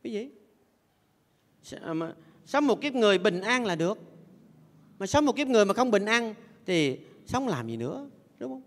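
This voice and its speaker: A man's voice: high voice, big pitch swings, normal speed, pauses often. An older man, a Buddhist monk giving a playful sermon who has his audience repeat phrases after him. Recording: long echoey hall reverb.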